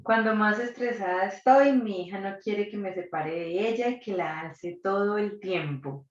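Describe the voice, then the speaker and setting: A woman's voice: medium pitch, measured pace. A woman, a psychologist and doula, leading a live online workshop and asking the audience reflective questions. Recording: distant, dull, roomy recording.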